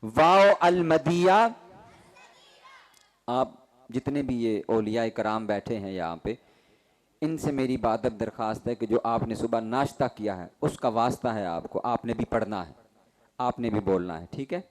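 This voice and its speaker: A man with a fairly low, darkish voice leads a Quran recitation class. He asks questions and has students repeat terms rhythmically in a call-and-response lesson.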